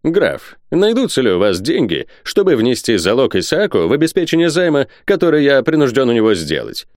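A man's voice: medium pitch, very animated, a little fast, darkish tone, no echo, studio quality, voice pushed up, natural voice. A man voicing a composed army captain who gives firm orders. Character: calm commanding male army captain.

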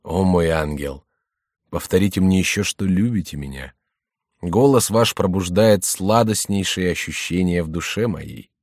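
A man's voice: low-pitched, unhurried, darkish tone, no echo, studio quality. A man voicing an amorous young king, effusive and declamatory, in an audiobook reading. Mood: tender. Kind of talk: audiobook character voice.

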